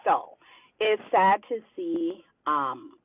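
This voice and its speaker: A caller from Liberia, speaking earnestly and explaining things at a measured pace. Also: medium pitch, lively intonation, husky, dry recording. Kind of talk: call-in opinion. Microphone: phone. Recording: tinny dry phone line.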